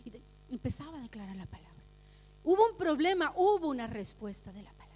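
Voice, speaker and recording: High-voiced woman pastor preaching. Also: big pitch swings, fast talker, darkish tone, long reverb tail. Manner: personal storytelling, repeats phrases for emphasis. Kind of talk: sermon. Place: church sanctuary.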